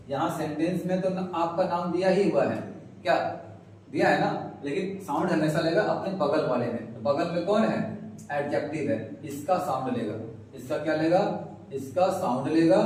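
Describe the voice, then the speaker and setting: A man teaching a grammar lesson, slowly repeating sounds and asking questions that he answers himself. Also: fairly high pitch, darkish tone. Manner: drills sounds slowly, asks and answers his own questions. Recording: echoey room, mic far off, faint noise.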